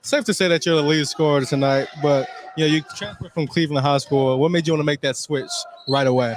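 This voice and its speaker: A man's voice: a little high, fast, slight background noise. A man giving local radio color commentary at a basketball game, talking loosely with lots of "you know" fillers. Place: basketball gym, courtside.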